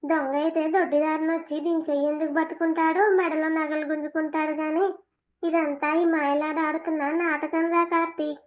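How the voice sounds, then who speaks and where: A woman's voice: high voice, little pitch movement, a little fast, lightly acted. A woman voicing a cruel mother-in-law who scolds and insults in a cartoon drama. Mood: scolding. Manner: scolding, abusive.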